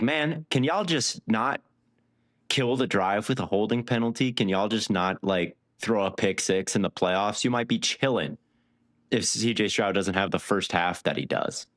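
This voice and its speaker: A man co-hosting a casual sports podcast, walking through stats with lively analysis. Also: on the low side, dry recording, studio quality. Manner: stat-heavy, animated analysis. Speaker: podcast co-host.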